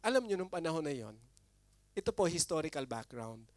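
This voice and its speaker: A man preaching a sermon as pastor, animated, with big swings between loud and soft. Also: on the high side, fairly quick, no room sound.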